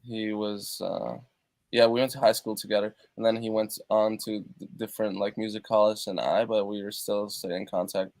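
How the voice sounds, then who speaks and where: A European musician joins a video-call interview from his treated home studio, speaking haltingly with lots of fillers and restarts. His voice is lowish, gravelly, and a little mellow, with a level tone and no room sound.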